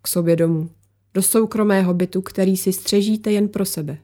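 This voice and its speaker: A mysterious visitor answers every question with calm, knowing composure, as a woman voices her. The tone is warm and dark, matter-of-fact and never rattled. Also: medium pitch, lightly acted.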